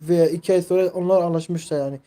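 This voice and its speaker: A man's voice: high voice, fairly even intonation, fast talker, mellow. A man in his twenties chatting casually on a live stream, rambling, leaning heavily on fillers and reading viewers' messages aloud. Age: 20s. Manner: rambling, filler-heavy, reads chat aloud.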